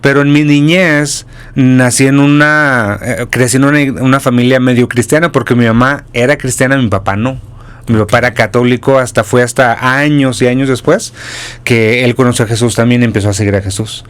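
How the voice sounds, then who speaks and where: A man in his forties from Durango with a northern Mexican accent, a pastor and church planter calmly telling his story as a guest. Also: medium pitch, brisk, clear, resonant tone. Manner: calm, steady storytelling with small restarts.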